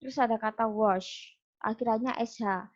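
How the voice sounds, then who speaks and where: A woman's voice: fairly high pitch, steady tone, normal speed. Indonesian woman lecturing over lo-fi audio. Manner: explanatory, many fillers and restarts. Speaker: English lecturer. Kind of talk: online class lecture.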